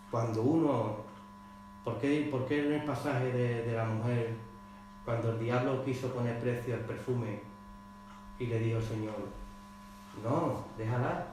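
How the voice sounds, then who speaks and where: A man preaching a sermon as pastor, reading scripture aloud with rising force. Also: mid-range voice. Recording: very echoey church hall with faint mains hum.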